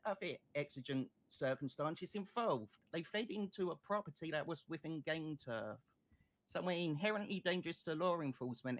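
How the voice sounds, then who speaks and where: A man playing a state prosecutor in an online courtroom role-play, making a passionate, deliberate closing argument. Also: fairly high pitch, fairly bright tone, low-quality recording.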